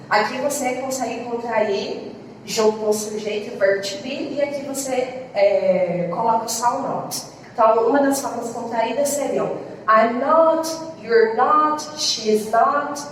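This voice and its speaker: A woman's voice: sits high, recorded from a distance, a little hiss or hum. Patient Brazilian woman teaching, echoey room. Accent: Brazilian Portuguese. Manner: patient, slows down to model English phrases, checks in with "alright?". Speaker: English teacher. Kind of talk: explaining grammar in a class lesson.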